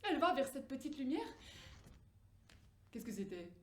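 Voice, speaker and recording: A young woman drama student telling a crude fairy tale on stage in a playful, animated way, laughing often. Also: sits high, normal speed, roomy sound. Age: young adult. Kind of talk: theatrical storytelling. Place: theater stage.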